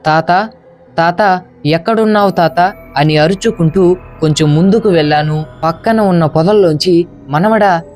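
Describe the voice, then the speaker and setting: Telugu horror storyteller over faint music. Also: male voice, a little high. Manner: steady storytelling delivery, first person. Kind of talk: scripted horror narration.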